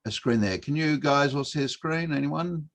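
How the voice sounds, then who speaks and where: A middle-aged man presents an online workshop over a video call. He talks in a relaxed, hesitant way, with many fillers. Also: fairly high pitch, moderate pace. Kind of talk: online teaching session.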